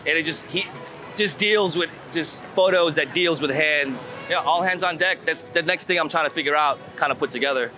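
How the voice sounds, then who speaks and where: Faint music drifts behind this clip, where the man speaks a little high and sharp at a normal speed. Interviewed casually about street photography as they walk, he muses aloud and repeats words, with traffic and urban sounds around him outdoors.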